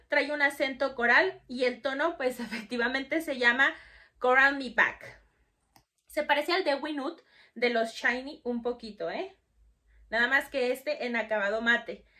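Bright-voiced chatty Mexican woman vlogger. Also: high voice. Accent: Mexican Spanish. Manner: chatty, bubbly, fillers like súper. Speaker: beauty vlogger. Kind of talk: casual makeup review to camera.

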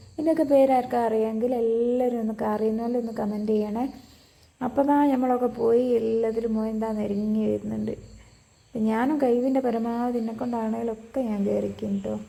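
A woman's voice: a little high, gravelly, dark tone, poor audio. A woman with a Malabar Malayalam accent giving a casual, chatty vlog voice-over, mixing English words into her Malayalam and addressing viewers familiarly.

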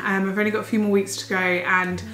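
A woman's voice: mid-range voice, little pitch movement, quick pace, a bit bright. A young pregnant woman, a little out of breath, chatting enthusiastically in a casual food haul vlog at home. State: heavily pregnant, a bit out of breath. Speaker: vlogger. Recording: roomy home recording with faint music.

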